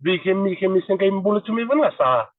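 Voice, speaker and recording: A man's voice: high-pitched, expressive, fast, dry recording, recorded from a distance, narrow, tinny audio. A man in his thirties with a Fijian accent, talking earnestly as a podcast guest in casual chat and switching languages. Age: 30s.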